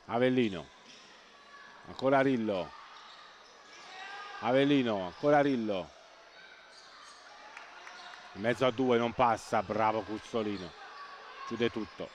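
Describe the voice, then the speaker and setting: A man giving live play-by-play sports commentary, excitable and breathless, repeating names and words for emphasis. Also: fairly low pitch, measured pace, pauses often. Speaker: live futsal match commentator. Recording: noisy sports hall ambience.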